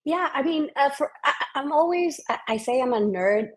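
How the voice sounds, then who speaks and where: Guest, woman, 40s, from Ecuador, chatty and lively, often restarts mid-sentence. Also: high voice, moderate pace. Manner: restarts often, animated and enthusiastic. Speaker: guest, physician scientist. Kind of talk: casual interview conversation.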